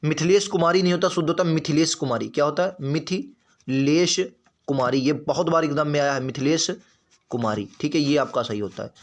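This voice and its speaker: A man teaching an exam spelling lesson, who goes through each question, repeats words slowly and keeps checking with the class. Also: on the high side. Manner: repeats words slowly and drills answers with "ठीक है"; addresses students as friends, occasionally apologizes.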